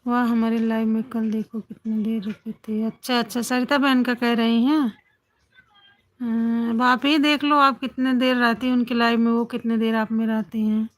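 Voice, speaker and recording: A woman chats casually with viewers on a phone livestream, greeting each one by name. Her voice sits slightly high. She keeps the talk going with repeated little affirmations. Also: little pitch movement, moderate pace. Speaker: livestream host. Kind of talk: casual chat with live viewers.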